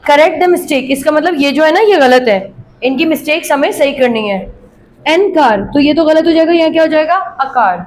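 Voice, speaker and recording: A woman whose voice sits high teaches English grammar from a worksheet, reading example sentences deliberately and clearly before explaining quickly. Asking her students questions and answering them herself is a frequent habit. It's a rough recording with slight background noise.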